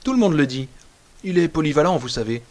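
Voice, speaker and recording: A man's voice: a little high, expressive, fast talker, a little mellow, natural voice. A man doing a gossipy flirtatious woman. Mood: gossiping. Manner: chatty, confiding, teasing.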